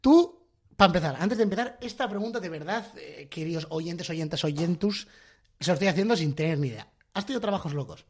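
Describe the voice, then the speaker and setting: High, lively husky young man. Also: fairly quick. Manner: animated storyteller, acts out voices. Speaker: comedy podcast co-host. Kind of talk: casual comedic chat.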